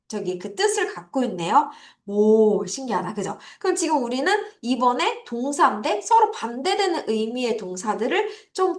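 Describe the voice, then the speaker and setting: A woman's voice: on the high side, reverberant. A woman teaching English vocabulary to children in a recorded online lesson, drilling pronunciation with repeat-after-me calls.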